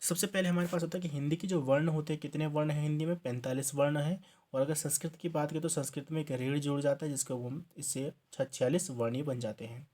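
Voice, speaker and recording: A man's voice: a little high, fairly even intonation, fast, a little mellow. A man, from Uttarakhand by accent, teaching an exam-prep grammar lesson, explaining step by step, restarting words and checking in with "okay" as he goes. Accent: Hindi from Uttarakhand.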